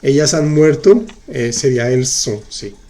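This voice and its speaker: Guy teaching live online, answering chat, slow and patient, kinda mellow voice. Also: medium pitch, expressive. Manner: patient, explains slowly and repeats. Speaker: French teacher.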